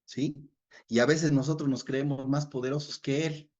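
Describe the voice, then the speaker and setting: A man's voice: mid-range voice, fairly even intonation, normal speed, a little mellow. A man leading a Bible study in a conversational way, reading verses aloud and checking in with his listeners. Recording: dull lo-fi recording.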